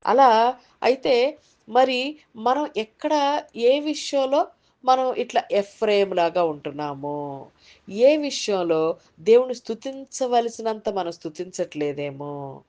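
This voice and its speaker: A woman's voice: medium pitch, a little mellow, highs cut off. A woman preacher giving a Sunday sermon in a conversational way, sometimes acting out worried inner voices. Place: online group meeting.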